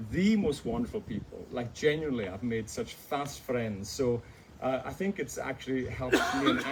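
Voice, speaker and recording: A man's voice: medium pitch, background noise. Chuckling Hebridean Scottish man storyteller. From Outer Hebrides, Scotland. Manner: anecdotal, chuckling, self-mocking. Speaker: author guest at a book event. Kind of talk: storytelling on stage. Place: bookshop event with audience. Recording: distant mic, live audience.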